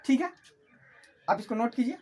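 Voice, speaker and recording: A woman's voice: fairly high pitch, expressive, normal speed, a little mellow. A woman teaching an online class who asks questions and answers them herself, repeating each key term.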